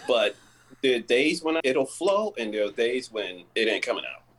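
A man's voice: mid-range voice, sing-song, moderate pace, a bit bright, slightly rough, low-quality recording. A man in a casual chat, telling a candid, self-deprecating story.

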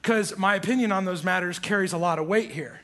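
A man's voice: high-pitched, a little fast, a bit bright, slight background noise. A young man from Iowa, a church resident, introducing himself to a congregation with playful, self-deprecating humor and frequent laughs. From Iowa, USA. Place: church stage before a congregation.

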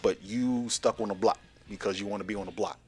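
A middle-aged man with a Philadelphia accent hosting a casual podcast chat, an animated storyteller who jumps up high when he quotes other people. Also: brisk, slightly rough, faint music behind. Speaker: podcast host.

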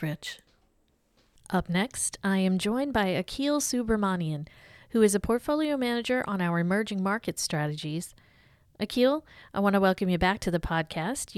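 A woman's voice: mid-range voice, smooth, dry recording, studio quality. A woman reading scripted podcast narration and hosting interviews as the presenter. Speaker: podcast host.

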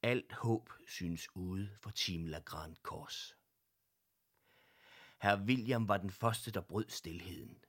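A man narrating a children's audiobook with expressive storytelling. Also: deep voice.

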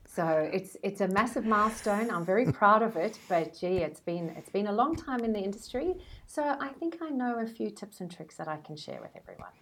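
A South African woman in her forties, a brand strategist appearing as a podcast guest, tells stories in a chatty way during the interview. Her mid-range voice swings widely in pitch, and she talks briskly with hardly any pauses.

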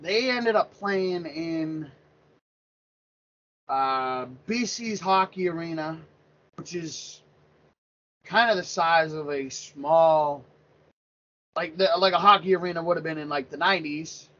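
A man's voice: on the high side, slow pace, pauses often, fairly bright tone. A man in his thirties from Pennsylvania, talking sports casually and rambling, with many restarts. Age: 30s. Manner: rambling, repeats words and restarts often. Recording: lo-fi dull sound.

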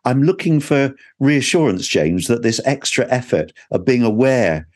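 A man's voice: medium pitch, animated, unhurried. A man from Britain co-hosting a wellbeing podcast, speaking hesitantly as he searches for his words. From United Kingdom. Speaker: podcast co-host. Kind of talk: casual podcast discussion.

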